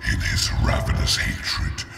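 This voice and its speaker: An actor playing an ancient male demon who narrates a solemn game legend in a deep demonic layered voice, gravelly and slow. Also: a bit bright. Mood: ominous. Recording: roomy echo with music behind.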